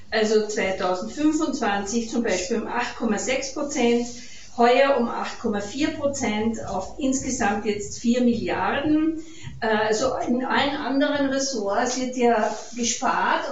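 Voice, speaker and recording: Austrian woman, higher voice, hesitant public talk, heard from afar in a muffled, echoey hall. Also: far from the mic, a little hiss or hum. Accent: Austrian German. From Carinthia, Austria. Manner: hesitant, many fillers and restarts. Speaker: speaker at a peace event. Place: event hall.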